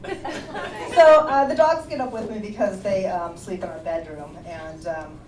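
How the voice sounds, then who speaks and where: A woman comedian telling stand-up stories on a small club stage in an animated way, laughing through her lines. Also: mid-range voice, unhurried, background noise. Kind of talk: stand-up storytelling. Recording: roomy club sound from a distance, audience laughter.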